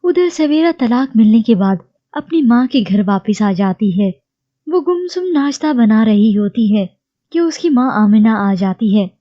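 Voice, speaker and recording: A woman narrating a recap of a TV drama in a steady storytelling read. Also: on the high side, a little slow, muffled recording.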